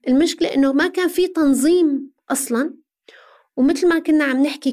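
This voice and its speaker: A woman's voice: high-pitched, a little mellow. A middle-aged woman with a Syrian accent, speaking as an interview guest in an earnest, explanatory way with rhetorical questions. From Syria, Aleppo.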